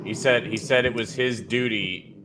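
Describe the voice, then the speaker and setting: Guy on a call w/ his voice disguised deep and altered, deadpan, clear noise and cars in the back. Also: normal speed. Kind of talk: mock breaking-news report on an online call.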